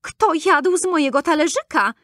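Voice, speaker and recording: A woman voicing a group of small, cheerful male dwarves in a storybook reading, with high, drawn-out, wondering questions. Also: lively intonation, a bit bright, dry recording, studio quality. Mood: puzzled.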